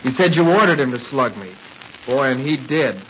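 A man's voice: medium pitch, animated, moderate pace, fairly bright tone, lightly acted. A young-sounding male actor playing an eager, earnest boy sidekick in 1940s radio drama, boyish and plain-spoken. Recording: muffled, hissy 1940s radio recording.

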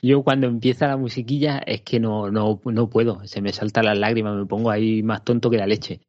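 A man from Spain with a Spanish accent, co-hosting a podcast in relaxed casual chat, telling stories and laughing often. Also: on the low side, a little fast, no echo, lo-fi sound. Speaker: podcast co-host.

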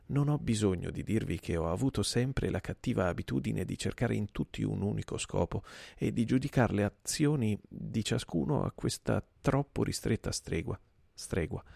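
A man voicing an older, guilt-ridden gentleman who pleads hesitantly in a trembling voice. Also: on the low side, lively intonation, normal speed, creaky, slightly rough, no echo, clean studio sound, exaggerated voice. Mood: pleading.

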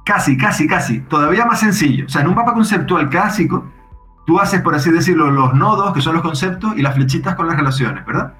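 A man casually explaining how his software works, thinking aloud with frequent restarts. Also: a little high, lively intonation, brisk, reverberant, soft background music. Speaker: software developer guest.

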